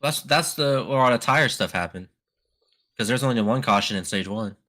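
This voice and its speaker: A man in casual live chat while watching a race, relaxed and rambling with loose fillers. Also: medium pitch, normal speed.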